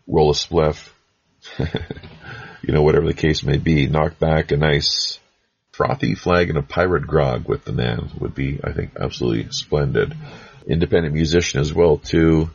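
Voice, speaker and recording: A man's voice: extremely low pitch, unhurried, gravelly, long pauses, slightly rough. A man hosting a podcast, rambling casually through past episodes with folksy pirate banter. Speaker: podcast host. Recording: dull lo-fi sound.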